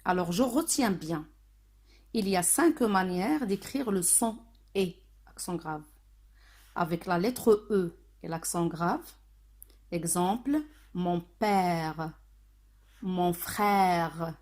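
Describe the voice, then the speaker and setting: Very slow woman teaching phonics. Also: medium pitch, lively intonation, a little mellow. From Morocco. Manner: slow, deliberate, syllable by syllable. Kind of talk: phonics lesson for children.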